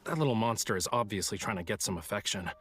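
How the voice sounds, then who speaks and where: A man's voice: on the low side, lively intonation, fast talker, fairly bright tone. Rafayel, a teasing, dramatic young man. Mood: dry, teasing. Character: aloof, teasing young man with fire powers, scared of cats. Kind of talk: English game dub voice acting. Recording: background music under dialogue.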